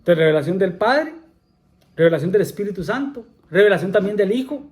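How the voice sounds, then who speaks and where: A man's voice: sits high, expressive, brisk. A man preaching a sermon in a church, often repeating himself, asking the congregation questions and saying amén between points. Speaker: pastor.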